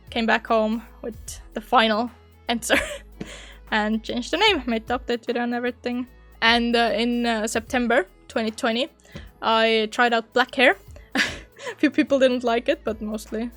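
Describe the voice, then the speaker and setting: A gaming YouTuber chats reflectively in a casual vlog, her slightly high, bright voice a little hoarse as she loses it. She's chatty and giggly, laughing often between phrases.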